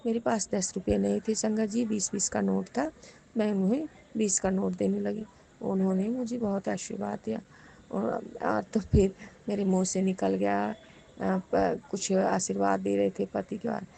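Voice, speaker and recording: A woman's voice: medium pitch, flat delivery, moderate pace, creaky, dark tone, slight background noise. A woman sharing a devotional testimony with the congregation, fervently and repeatedly giving thanks to her guru. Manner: addresses listeners directly as the congregation.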